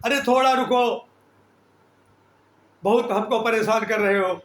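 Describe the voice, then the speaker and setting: A woman's voice: on the high side, slow. An older man voicing his stern, weary mother as she cooks, in an impatient, scolding tone. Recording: echoey room.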